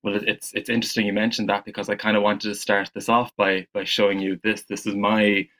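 Male podcast host, voice on the low side, eager and friendly, restarts his sentences. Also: little pitch movement, fast talker, fairly bright tone. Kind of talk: interview.

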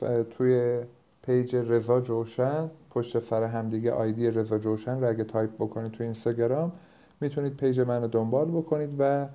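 A dull, low-bitrate recording of a man with a mid-pitched voice. He talks as a coach hosting an informal podcast, explaining things step by step. His delivery has hesitant pauses and filler sounds. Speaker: productivity coach and podcast host. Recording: low-bitrate, dull lo-fi home-edited audio.

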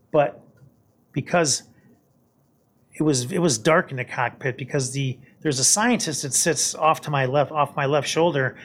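An older man, a guest on a podcast, recounting his time as a hurricane hunter pilot in a casual, halting way, often repeating words. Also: medium pitch, fairly bright tone. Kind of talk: casual storytelling.

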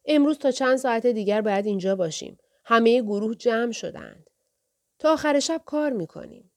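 A woman's voice: fairly high pitch, lively intonation, voice pushed up, close to an everyday voice. A cool, distant man who keeps his replies short and guarded, read by a woman narrator. His tone holds the caller at arm's length. It is storybook narration rather than a full voice. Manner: guarded and curt.

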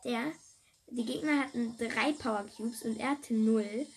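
A woman giving casual, chatty let's-play commentary to her viewers, excitable and joking, sometimes dropping to a whisper. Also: a little high, measured pace, a little hiss or hum. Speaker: gaming video creator.

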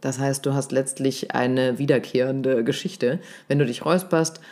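A voice coach explaining speaking technique in a casual conversation, lively and explanatory, often checking in with "ne?". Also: medium pitch, moderate pace. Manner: explanatory, lively, demonstrates stresses with exaggerated emphasis; uses fillers like "ne?" and "ja?".

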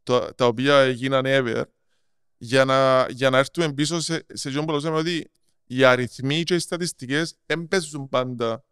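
A man with a Cypriot Greek accent explaining things in casual interview talk, halting and repeating words as he goes. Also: medium pitch, steady tone, a bit bright, clean tone, no room sound, studio quality. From Cyprus. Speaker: podcast guest, marketing strategist.

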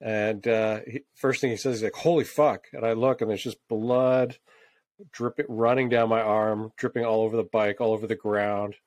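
A man's voice: on the low side, flat delivery, normal speed, a little mellow, no echo. A man co-hosting a casual podcast chat, laid-back and laughing often, swearing freely. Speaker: podcast co-host, tattoo artist.

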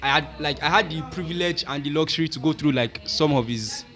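A man's voice: fairly high pitch, brisk, a bit bright. Slangy Nigerian man hosting a casual podcast. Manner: slangy, mixing English with Pidgin. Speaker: podcast host.

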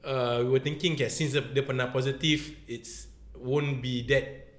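A man with a Singaporean accent chatting casually, mixing Malay and English with lah particles, in a halting, repetitive way. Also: medium pitch, fairly even intonation. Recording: roomy, echoey sound.

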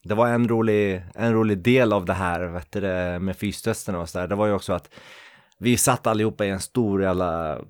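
Man, 30s, low voice, dry close recording, relaxed storyteller guest. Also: no room sound. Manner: relaxed storytelling, laughs often. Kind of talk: casual chat.

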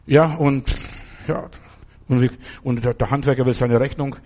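A man's voice: mid-range voice, fairly even intonation, normal speed, a little mellow, muffled recording. A man giving an informal sermon full of personal stories, talking straight to the listener as a friend and often checking that they follow. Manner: conversational, keeps asking "verstehst du?"; addresses the listener directly as a friend. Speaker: preacher.

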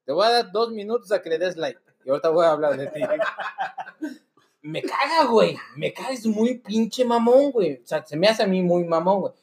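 A man's voice: high voice, brisk, a crowd in the background. A man with a Mexican accent, co-hosting a casual podcast chat, joking and swearing freely. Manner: profane, joking, animated. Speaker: podcast co-host.

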